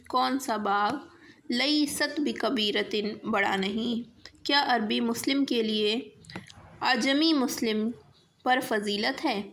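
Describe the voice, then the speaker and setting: A woman teaching an Arabic lesson, reading phrases slowly and explaining them in quicker asides. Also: on the high side, a bit bright. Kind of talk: classroom lesson explaining grammar exercises.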